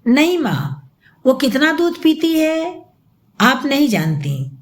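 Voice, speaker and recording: A woman doing a shrill, furious young mother. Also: big pitch swings, slow, exaggerated voice. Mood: brisk. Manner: shrill, hateful shouting. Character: bitter young mother, furious accuser of stepmother.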